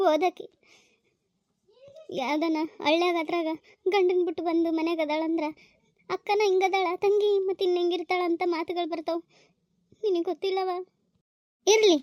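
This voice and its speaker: An anxious village mother, North Karnataka accent, very high voice, dry close sound, emotional and scolding. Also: a little mellow, dry recording, muffled recording. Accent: North Karnataka Kannada. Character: anxious village mother, middle-aged woman. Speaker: village women in a family drama. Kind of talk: village comedy-drama acting.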